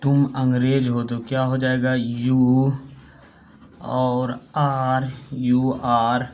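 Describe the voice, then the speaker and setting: A man's voice: medium pitch, monotone, very slow, darkish tone, a little hiss or hum. A man teaching English grammar, repeating himself and spelling words out letter by letter. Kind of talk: spoken grammar lesson.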